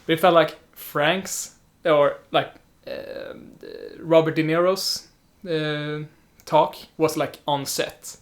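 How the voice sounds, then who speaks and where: A young man co-hosting a casual film chat as a film student, talking in a chatty, animated way and mimicking how others speak. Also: fairly high pitch. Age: young adult. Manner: chatty, animated, quick to imitate others' speech. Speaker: podcast co-host, film student.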